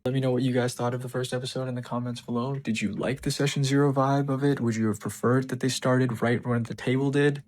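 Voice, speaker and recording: A man hosting his own channel, giving an excited, gushing breakdown of a new show's first episode with frequent ums and restarts. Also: medium pitch, fast, few pauses, poor audio. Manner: enthusiastic, gushing fan. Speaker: show reviewer and channel host.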